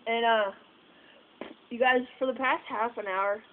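A woman's voice: fairly high pitch, steady tone, unhurried, a little hiss or hum. Rambling young woman on tinny phone audio. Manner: rambling, filler-heavy, swearing. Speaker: vlogger. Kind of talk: casual vlog chat. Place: outdoors at night by a house porch. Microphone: phone camera set far away.

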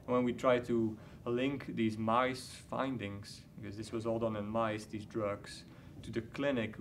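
Belgian-raised man, low flat voice. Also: a little hiss or hum. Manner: measured, explanatory, frequent uh fillers. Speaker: award-winning researcher, interviewee. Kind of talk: scientific interview. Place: conference interview booth, indoors.

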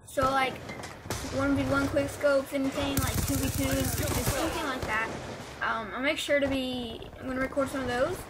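A woman's voice: high-pitched, steady tone, normal speed, very noisy. A woman giving casual, rambling gameplay commentary, her speech slurred by the braces she is wearing. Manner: rambling, hesitant. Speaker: gaming video creator.

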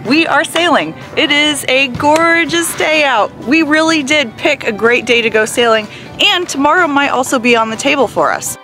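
A woman's voice: high-pitched, lively intonation, normal speed, pushed and bright, soft background music, poor audio. A woman in her thirties, talking candidly to a handheld camera while out sailing on a small boat. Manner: chatty, candid about nerves. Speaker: vlogger learning to sail. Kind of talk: casual vlog narration. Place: small sailboat out on open water. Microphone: phone camera at arm's length.

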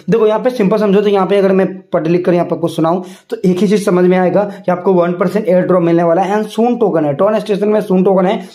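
A man's voice: high voice, dark tone. A man giving a casual, chatty screen-walkthrough explainer, talking straight to his viewers in an insistent tone and mixing in English words. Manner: chatty, repeats filler phrases, mixes in English words; insistent, direct address to viewers. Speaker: crypto YouTuber.

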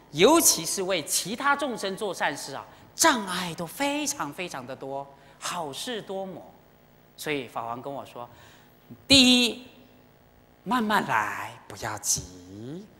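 A Buddhist teacher preaching in a temple with an expressive, swooping delivery and a bright, forceful tone. The talk is full of emotional storytelling and direct appeals to the listeners. The voice carries a long reverb from the hall. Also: medium pitch. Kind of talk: sermon.

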